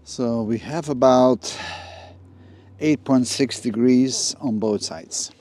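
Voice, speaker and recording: A middle-aged man casually explaining a DIY renovation step by step while working outdoors, practical and a little halting with ums and uhs. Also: medium pitch, mellow. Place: outdoors in a garden yard.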